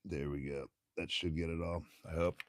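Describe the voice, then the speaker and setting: A man's voice: rumbling low, fairly even intonation, moderate pace, no room sound, studio quality. A man hosting a solo stream, reading a bird textbook aloud with casual, rambling commentary, laughing often and stumbling over words.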